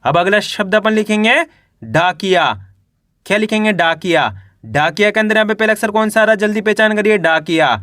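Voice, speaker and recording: Guy teaching kids to read, breaks words into syllables, asks "how do we read it", highish voice, dry close sound. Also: animated, brisk, fairly bright tone, no echo. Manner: spells words syllable by syllable, asks viewers to answer. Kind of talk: Hindi reading lesson.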